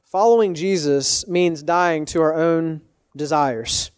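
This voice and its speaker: A man preaching a sermon as a pastor, speaking earnestly and emphatically, with deliberate phrasing and direct appeals to his listeners. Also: on the high side, clean tone, dry recording, clean studio sound.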